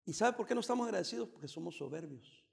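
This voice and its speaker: A pastor from El Salvador giving a joking, teasing sermon with bursts of emphasis. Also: male voice, sits high, lively intonation, quick pace, creaky, in a large hall.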